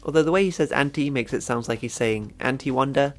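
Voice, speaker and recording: A man's voice: mid-range voice, animated, fast talker, faint music behind. A man narrating a scripted video essay about a cartoon, wry and chatty in his commentary.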